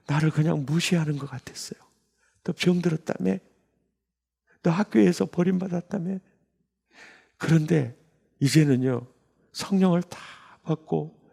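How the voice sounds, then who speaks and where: Older pastor guy in his 60s telling his story from the pulpit, low warm gravelly voice, gets worked up and jumps high. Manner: emotional storytelling with sudden high bursts. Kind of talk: testimony sermon. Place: church sanctuary.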